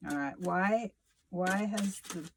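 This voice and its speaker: A tarot reader talks through a solo reading in a slow, unhurried way. The delivery is musing and reflective, with dry sarcasm and casual swearing, and the voice sits at a middling pitch. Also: noisy background.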